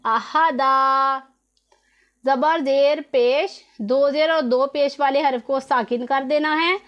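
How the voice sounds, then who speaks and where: A woman's voice: high-pitched, muffled recording. A woman teaching Quran recitation rules in an online tutorial, explaining patiently step by step and repeating each rule.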